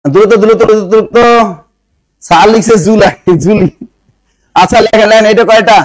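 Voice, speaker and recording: A high-pitched man from Bangladesh teaches an exam-prep class, firing questions at students and sounding out words syllable by syllable. The sound is close and dry. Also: fairly even intonation, brisk, no echo, poor audio.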